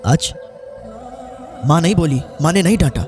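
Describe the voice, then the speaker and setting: A man's voice: a little high, lively intonation, normal speed, over music. A male preacher delivering an emotional sermon as a story, repeating phrases for dramatic effect. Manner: repetitive, dramatic retelling. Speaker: maulana, preacher.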